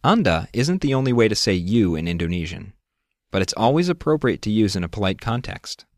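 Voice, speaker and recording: In studio-quality audio with no echo, a man with a fairly low, slightly mellow voice speaks fairly quickly with wide pitch swings. He narrates a scripted language lesson, explaining step by step and prompting the listener with questions.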